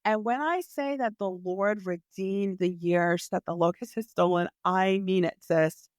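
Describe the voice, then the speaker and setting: Smooth and mid-range, her voice keeps a measured pace on a dry, studio-quality recording. The speaker is a forties-aged woman who coaches dating and hosts a podcast, offering an earnest, insistent motivational message rooted in faith. She speaks to the listener intimately as "sis" and leans on repetition for stress.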